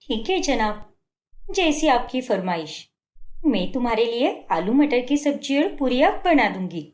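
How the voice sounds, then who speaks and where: A woman's voice: fairly high pitch, very animated, a little slow, reverberant. A woman voicing a patient, hardworking young wife in a cartoon story, pleading and defending herself.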